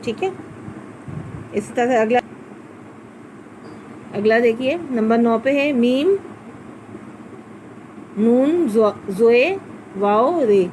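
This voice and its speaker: A woman's voice: on the high side, pauses often, darkish tone, a little hiss or hum, rough recording. A woman, teaching a children's class by patiently spelling out letters step by step. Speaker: primary school Urdu teacher. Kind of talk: recorded class lesson.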